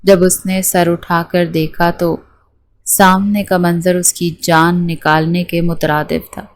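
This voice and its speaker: A woman narrating a romance novel aloud as an audiobook, in a steady storytelling manner. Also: fairly low pitch, no echo, rough recording.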